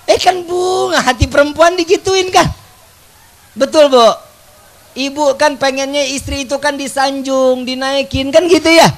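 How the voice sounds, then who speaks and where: A man preaching a humorous religious sermon, joking and calling out loudly to the crowd. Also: very high voice, fairly even intonation, normal speed. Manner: joking, loud call-and-response with the crowd. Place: outdoor religious gathering.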